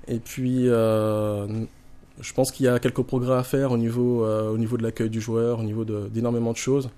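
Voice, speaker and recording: A man's voice: medium pitch, flat delivery, normal speed, mellow. A man with a Marseille French accent, talking casually as an interview guest with dry, tongue-in-cheek humour. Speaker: guest, poker player.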